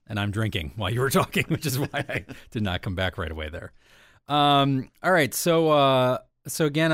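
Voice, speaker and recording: Chatty man podcast host, low voice. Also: dry recording, clean studio sound. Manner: chatty, rambling with many fillers. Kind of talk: casual podcast chat.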